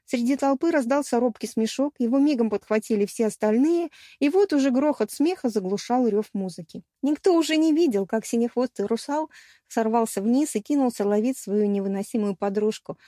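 Lady reading a fantasy story aloud, playful and wry, kinda high mellow voice. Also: animated, fairly quick, no echo, studio quality. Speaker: audiobook narrator. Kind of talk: first-person fantasy narration.

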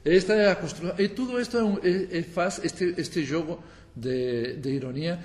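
A man's voice: a little high, normal speed, darkish tone, in a large hall. Hesitant man with a tongue. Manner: searching for words, many hesitations. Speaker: guest author. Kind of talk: radio interview.

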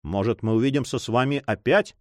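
A man's voice: mid-range voice, a little fast, no echo, clean studio sound, natural voice. A man voicing a secretive young man in love in his own voice, earnest, reassuring and insistent.

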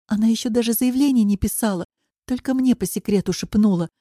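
A woman's voice: fairly high pitch, fairly quick, dark tone, no echo, clean studio sound, pitched above the performer's own voice, close to an everyday voice. A woman reading the part of a frustrated wife near forty in an audiobook, insistent and pleading. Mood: upset.

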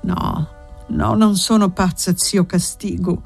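A woman's voice: lowish voice, steady tone, slow pace, gravelly, darkish tone, husky, soft background music, heavily acted. A woman reading as a desperate young woman. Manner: breathless, pleading urgency. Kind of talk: audiobook character voice.

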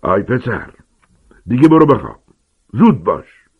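A man's voice: mid-range voice, sing-song, slightly rough, pitched above the performer's own voice. A man voicing a bullying, red-faced middle-aged uncle who barks angry orders. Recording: tinny phone-like sound.

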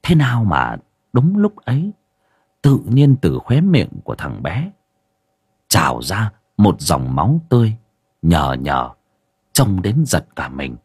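A man's voice: sits low, wildly swooping pitch, takes it slowly, pauses often, darkish tone, husky, no echo, studio quality. A man, narrating a ghost story with dramatic expression.

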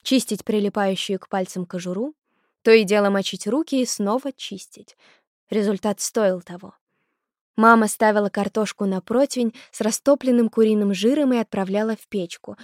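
A woman's voice: mid-range voice, normal speed, no room sound. Woman narrating a novel, dry and close. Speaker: audiobook narrator. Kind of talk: scripted narration.

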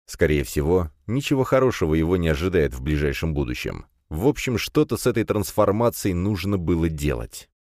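Male audiobook narrator, low and dry, even measured reading. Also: no room sound. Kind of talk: scripted fiction narration.

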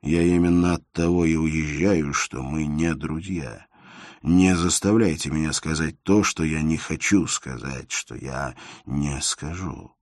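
Deep grave young man, restrained and slow, dry close mic, read by a man. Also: darkish tone, no echo. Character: grave, reserved young man, poor and resolute. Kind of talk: audiobook character reading.

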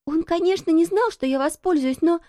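A woman's voice: very high voice, a little fast, mellow, dry recording, studio quality, voice pushed up. A woman voicing a stubborn, outspoken young girl who talks in an insistent, indignant way.

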